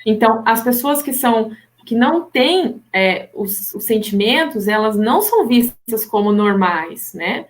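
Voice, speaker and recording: Animated woman, higher voice. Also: a little slow, few pauses. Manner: animated, acts out imagined people's lines with pitch jumps. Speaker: hypnotherapist. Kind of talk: casual live-stream chat.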